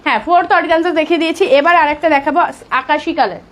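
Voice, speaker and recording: A woman selling sarees on a live stream, talking softly because of a sore throat and urging viewers to book fast. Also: high-pitched, a little hiss or hum. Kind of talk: live sales pitch.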